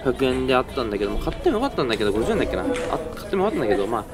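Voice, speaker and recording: A man's voice: medium pitch, very animated, very fast, over loud music, over a noisy crowd. A young man narrating a casual vlog while browsing a flea market, chatty and rambling, often correcting himself mid-sentence. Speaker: toy-hunting vlogger. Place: indoor parking garage flea market.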